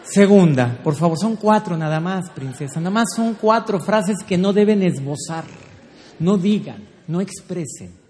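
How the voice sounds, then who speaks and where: Casting: man, humorous couples speaker, playful and teasing, high-pitched voice in a roomy hall. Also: expressive, unhurried, a little mellow. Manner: playful, teasing, acts out scenes. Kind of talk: humorous talk to a live audience. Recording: echoey hall with faint background noise.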